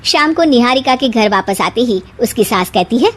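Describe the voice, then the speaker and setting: Story narrator, woman: scripted children's tale, lively melodic intonation, highish voice. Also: normal speed.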